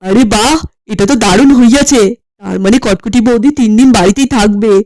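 A woman's voice: fairly high pitch, fairly quick, a little mellow, pitched below the performer's own voice, natural voice. A woman voicing a bumbling middle-aged cartoon man who talks in stiff, old-fashioned formal phrasing. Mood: pompous. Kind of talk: comic cartoon voice acting.

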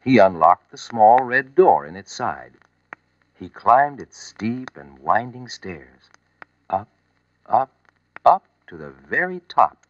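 A man narrating a children's storybook in a slow, expressive reading voice. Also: dry recording. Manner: slow, expressive reading with lively, rising and falling pitch. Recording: muffled old vinyl record with music.

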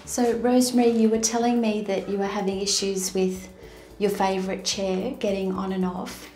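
A middle-aged woman, an occupational therapist, narrating a training video in a calm, measured, professional way. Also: mid-range voice, far from the mic. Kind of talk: scripted training narration and gentle client questioning. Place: small tiled bathroom in a home.

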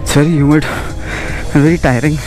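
A man's voice: on the high side, steady tone, moderate pace, music in the background, low-quality recording. A man with an Indian accent casually narrating a walk-around travel vlog, switching between Hindi and English as he talks. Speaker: travel vlogger.

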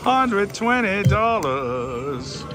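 Male gambling vlogger, higher-pitched and swooping, theatrical casual commentary with pleading repeats, clear machine music behind. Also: sing-song, very slow. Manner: theatrical, addresses viewers, repeats phrases pleadingly. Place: busy casino floor at a slot machine. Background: slot machine music.

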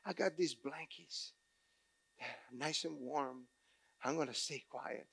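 A male preacher voicing a poor, sweet older churchwoman who shouts her praise or hushes herself, pitched high above his usual voice. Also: slow pace, gravelly, slightly rough, exaggerated voice. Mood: hushed. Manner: shouting ecstatic praise, then hushed self-restraint.

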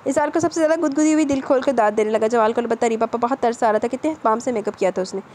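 Fast, high-voiced woman narrating a novel. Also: a little mellow, slight background noise. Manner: brisk storytelling narration. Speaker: audiobook narrator. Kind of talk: novel reading.

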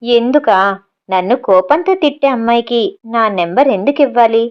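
A woman's voice: a little high, lively intonation, normal speed, lo-fi sound, lightly acted. Woman reading a teasing young male lover. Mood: playful. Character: young man, playful and secretive lover.

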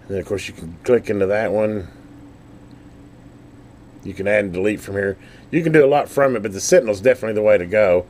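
Thinking aloud through an unscripted demo, this folksy, rambling man walks through a scanner product overview. He talks quickly in a lowish, darkish voice but leaves long pauses, and there is slight background noise.

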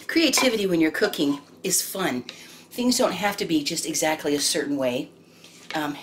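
A woman in her sixties, hosting a home cooking video in casual chat, homey and chatty with many pauses and ums. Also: sits low. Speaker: home cooking channel host. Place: home kitchen, indoors. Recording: noisy home kitchen recording. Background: clinking dishes and pans.

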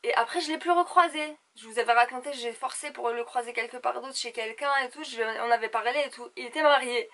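A young woman chatting to camera in an animated, theatrical way, gossiping casually as if with close girlfriends. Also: on the high side, fairly quick, hardly any pauses. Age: young adult. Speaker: beauty vlogger. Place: small indoor room at home.

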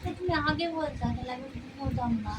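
High-voiced wife protesting over loud noise. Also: female voice, brisk. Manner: hushed, protesting and flustered. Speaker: wife in a comedy sketch. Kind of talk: acted comedy sketch.

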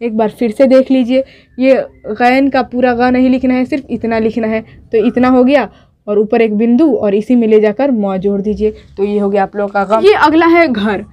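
A woman's voice: fairly high pitch, moderate pace, highs cut off. A woman teaching how to write letters at a board, patiently repeating each step and checking in with her students. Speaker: Urdu teacher. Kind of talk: whiteboard writing lesson.

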